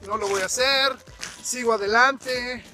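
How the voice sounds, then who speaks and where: A man's voice: extremely high pitch, fairly even intonation, a little slow, music in the background. A man hosting a podcast, chatting casually with many fillers and restarts while walking outdoors in the snow. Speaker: podcast host. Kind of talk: casual interview chat. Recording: outdoor recording with crunching snow noise.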